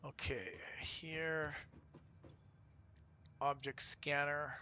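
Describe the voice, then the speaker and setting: A man's voice: a little high, level tone, extremely slow, pushed and bright, slight background noise. A man streaming a factory-building game, thinking aloud in casual commentary with fillers and restarts.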